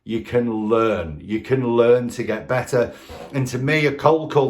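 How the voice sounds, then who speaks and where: Brief: male sales trainer, emphatic and direct, coaching in a talk to camera with rhetorical questions. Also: lowish voice.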